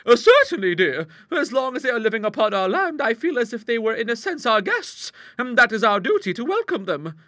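A man's voice: very high voice, big pitch swings, a little fast, hardly any pauses, pushed and bright, dry recording, studio quality, voice pushed up, exaggerated voice. A man voicing a timid, fluttery elderly spinster woman in a storybook reading. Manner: fluttery, nervous, agreeable.

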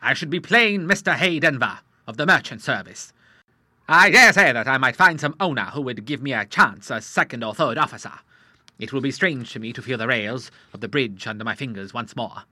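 In a dry recording, a man narrates an audiobook with an expressive, brisk, sharp delivery, playing a booming old naval admiral in his sixties full of boisterous seafaring talk.

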